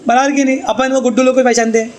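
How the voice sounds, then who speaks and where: A man's voice: very high voice, little pitch movement, rapid-fire, a little mellow, rough recording. A man teaching a tuition class, chatty and teasing as he explains. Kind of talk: classroom lecture.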